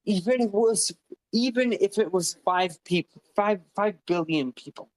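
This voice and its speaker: A man's voice: high-pitched, moderate pace, no echo, poor audio. A man speaking as a guest on a live online audio panel, passionate, profane and rambling. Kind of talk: impassioned live audio-room talk. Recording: online audio-room stream.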